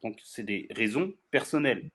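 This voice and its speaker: A man of forty from France, arguing his case in a heated discussion. He repeats phrases to hold the floor and talks over interruptions at a middle pitch. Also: lively intonation, normal speed, a bit bright. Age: 40s. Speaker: debate guest. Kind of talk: heated debate.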